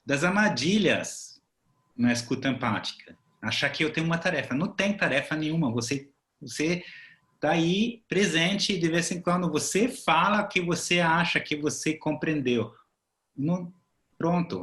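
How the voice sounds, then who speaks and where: Calm man tutor thinking aloud. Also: on the high side, normal speed. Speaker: seminar tutor. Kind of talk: teaching a seminar.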